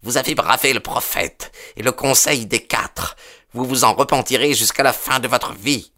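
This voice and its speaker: A man's voice: lowish voice, big pitch swings, measured pace, fairly bright tone, voice pushed up. A man reading an audiobook, voicing an arrogant young man with a raised, insistent voice. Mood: threatening. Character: young man, arrogant elder's son, smug.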